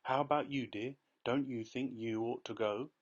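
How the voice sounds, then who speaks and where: A man voicing a sensible, calm mother in a storybook, gentle but firm. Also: medium pitch, normal speed, highs cut off, lightly acted. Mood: coaxing.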